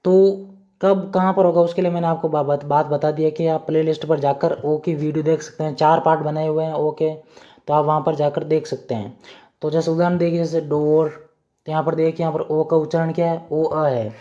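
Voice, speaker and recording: A man's voice: a little high, steady tone, fairly quick, warm tone. A man with an Indian accent teaching English pronunciation rules step by step, often asking a question and answering it himself. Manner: repetitive, asks and answers own questions. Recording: dull lo-fi sound.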